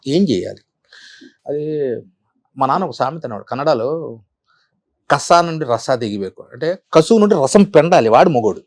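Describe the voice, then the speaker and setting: A middle-aged man and comedian, telling animated stories in an interview, repeating phrases for effect. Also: mid-range voice, normal speed, pauses often, no room sound. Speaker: comedian guest. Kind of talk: storytelling interview.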